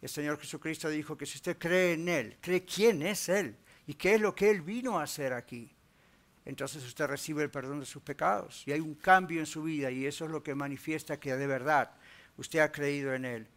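Emphatic preaching man with a high voice. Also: normal speed. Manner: rising emphatic preaching, rhetorical questions, dropping low and soft in prayer. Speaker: pastor. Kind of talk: sermon with closing prayer.

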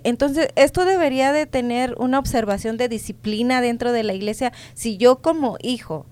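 Earnest higher-voiced woman co-host. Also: a little mellow, smooth. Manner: earnest, reasoning aloud.

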